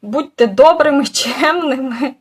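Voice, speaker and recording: A woman's voice: high voice, unhurried, husky. A woman chatting casually as a cross-stitch vlogger, hesitant, with many fillers and restarts. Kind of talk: casual chat.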